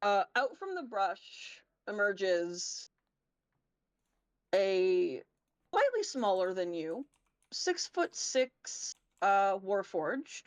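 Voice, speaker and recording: A woman's voice: medium pitch, sing-song, drawn-out words, no room sound. A woman game master narrates a tabletop role-playing game. She takes her time, speaks informally with some swearing, and sounds close and dry.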